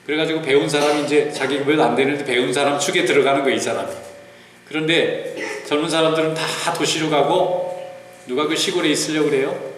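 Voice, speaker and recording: A male pastor giving a sermon, telling stories in a relaxed, conversational way with folksy asides. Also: on the high side, fairly quick, faint music behind. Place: large church sanctuary. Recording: roomy church hall reverb with faint noise.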